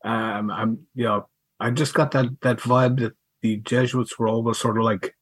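A middle-aged man, reminiscing casually in a halting, wry way and repeating words as he goes. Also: mid-range voice, steady tone, breathy edge, dry recording. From County Mayo, Ireland. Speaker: podcast guest, school alumnus.

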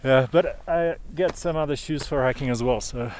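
A male rider giving short, relaxed answers to the host. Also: medium pitch, normal speed, slight background noise. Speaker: race rider. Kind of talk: casual chat.

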